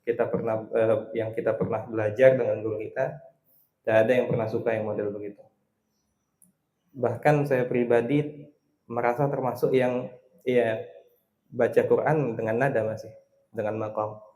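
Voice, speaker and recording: A middle-aged male religious teacher giving a casual study lesson, talking conversationally and drawing out recited verses slowly as examples. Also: mid-range voice, fairly even intonation, warm tone, reverberant.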